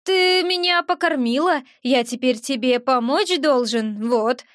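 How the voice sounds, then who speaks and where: A woman's voice: sits high, unhurried, fairly bright tone, no room sound, studio quality. A woman reading an audiobook, voicing a small, rude, eared winged male creature who grumbles in rustic slang. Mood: grumbling. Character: grumpy little eared winged male sprite.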